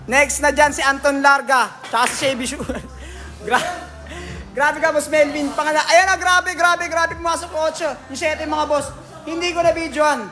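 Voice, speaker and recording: A man's voice: very high-pitched, sharp tone. A man with a Filipino accent hosting a casual livestream, reading out viewer comments in a jokey, teasing way and laughing often. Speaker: livestream host at a billiards hall.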